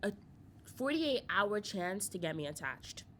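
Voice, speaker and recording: A young woman hosting a casual podcast chat, talking quickly with lots of "like" and frequent laughter. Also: mid-range voice, big pitch swings, bright, forceful tone, slight background noise. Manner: chatty, laughs often, heavy use of "like". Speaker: podcast host.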